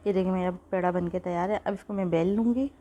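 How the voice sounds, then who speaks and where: Woman host, mellow tone, chatty home-kitchen cooking tutorial, recorded on a phone. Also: fairly low pitch, fairly even intonation, fast talker, lo-fi sound, slight background noise. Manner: chatty, repeats "theek hai" often. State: sore throat, coughing.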